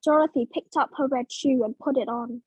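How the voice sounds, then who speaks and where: Woman narrator, high voice, dry close recording, clear simple storybook reading for English learners. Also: fairly even intonation, fairly quick, a little mellow, dry recording, low-quality recording. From Vietnam.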